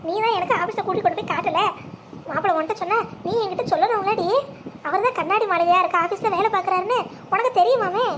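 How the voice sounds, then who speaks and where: A woman's voice: very high voice, fast talker, a bit bright, slight background noise. A woman voicing a blunt, scolding mother in a cartoon. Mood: gleeful. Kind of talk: animated cartoon voice acting.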